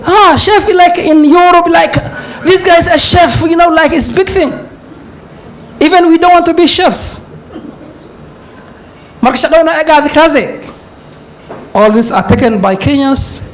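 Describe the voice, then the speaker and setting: A man from Somalia speaks with a Somali accent and a strikingly high voice. He gives a conference talk like a lecturer, making emphatic points and slipping between English and Somali. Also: unhurried, long pauses, slight background noise. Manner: emphatic lecturing, with asides and chuckles. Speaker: forum speaker, university lecturer.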